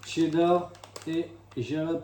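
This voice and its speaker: A man talks casually through a tasting in a soft, mellow tone. He sounds like he is in a reverberant room, with a little background noise. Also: on the high side, steady tone, takes it slowly. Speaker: co-host of a tasting video. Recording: echoey room with faint noise.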